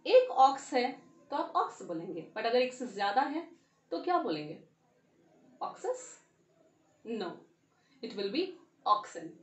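An Indian-accented woman teaches grammar, switching between Hindi and English and spelling each word aloud. Her voice sits high and swings widely in pitch. She sounds a little far from the mic in an echoey room. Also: very animated, a little slow. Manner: mixes Hindi and English, spells words letter by letter, asks quiz questions. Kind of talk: grammar lesson.

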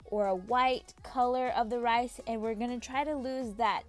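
A woman's voice: on the high side, fairly even intonation, moderate pace, faint music behind. A woman narrating a step-by-step cooking tutorial as the channel host, giving friendly, repetitive instructions straight to the viewer. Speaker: home cook and channel host.

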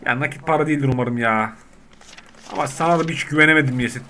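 High-voiced excitable gaming man. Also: fast, a little hiss or hum. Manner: excitable, swears and shouts at game characters. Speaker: gaming YouTuber. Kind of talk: casual gameplay commentary.

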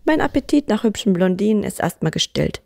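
A woman's voice: medium pitch, animated, brisk, vocal fry, mellow, dry recording, clean studio sound. A woman reading the lines of a charming, joking young man in an audiobook story. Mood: teasing.

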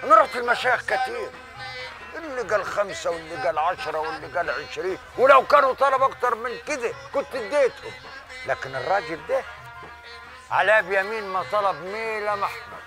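An actor playing a hospitable, earnest older village patriarch, emphatic, with an Upper Egyptian accent. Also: male voice, sits high, lively intonation, fast talker. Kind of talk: Egyptian television drama acting. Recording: loud music behind the voice. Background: music.

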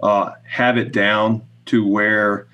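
Folksy middle-aged man, slightly low voice. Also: flat delivery, takes it slowly, bright, forceful tone, smooth, lo-fi sound. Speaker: podcast guest, goose call maker. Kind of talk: casual explanatory interview talk. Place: small indoor room with wooden shelves, on video call.

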